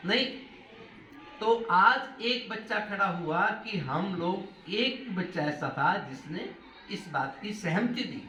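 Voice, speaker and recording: Animated man addressing students in an echoey hall. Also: sits high, slow, far from the mic, a little hiss or hum. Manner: animated, asks the class questions, mixes in English phrases. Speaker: motivational speaker addressing students. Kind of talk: classroom talk to schoolchildren.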